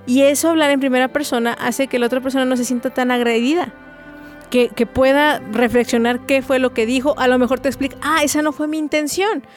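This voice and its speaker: Woman, fairly high voice, earnest faith-based teaching talk, faint music underneath. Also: fairly even intonation, a little fast. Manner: earnest, explanatory, acts out example phrases.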